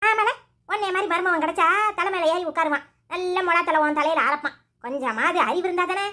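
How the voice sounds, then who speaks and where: A woman takes on the role of a nagging, acid-tongued elderly mother-in-law in a cartoon, scolding rapidly and sarcastically in Tirunelveli Tamil. Her pitch is extremely high.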